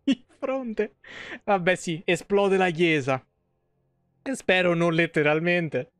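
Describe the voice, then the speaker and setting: Speaking slowly in a high, fairly bright, smooth voice, a thirtysomething male streamer jokes and swears his way through live game commentary. The sound is studio quality with no echo, captured on a close streaming mic in his small home setup.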